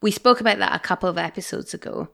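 A woman's voice: mid-range voice, fast talker, vocal fry, a bit bright. A woman co-hosting a casual podcast, teasing her co-host in a playful way.

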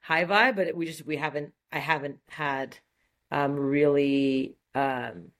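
Speaking slowly in a deep voice with fairly even intonation, a French-speaking woman in her forties from Montreal, Canada, takes part in a casual interview as an eager guest. She uses lots of fillers and keeps restarting her sentences.

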